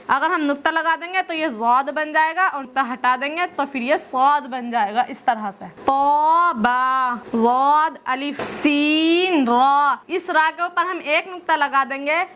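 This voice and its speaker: A woman teaching Quran reading, naming each letter slowly and drawing its name out as she explains step by step. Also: high-pitched, pushed and bright. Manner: slow, drawn-out letter names. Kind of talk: patient step-by-step lesson.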